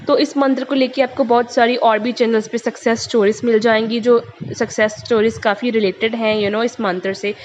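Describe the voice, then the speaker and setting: A young woman running a tarot channel chats briskly with her viewers, barely pausing, in a slightly high voice with casual English fillers. The recording sounds muffled and lo-fi, with a light hiss underneath.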